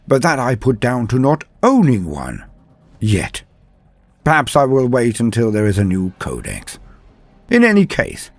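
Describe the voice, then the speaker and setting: A man with a medium-pitched, slightly mellow, husky voice hosts and narrates a guide channel, delivering scripted lore. His manner is theatrical, dramatic and ornate, with formal address. The recording has no room sound.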